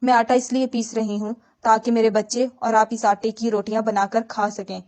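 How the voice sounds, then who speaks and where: A woman's voice: on the high side, flat delivery, darkish tone, close to an everyday voice. A woman voicing a grieving young wife and mother in a spoken religious story, in a tearful, pleading tone. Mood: sorrowful.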